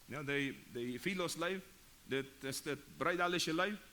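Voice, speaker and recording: A man from Paraguay with a Mennonite Low German accent, preaching a sermon in halting, repetitive phrases. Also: sharp tone, a little hiss or hum.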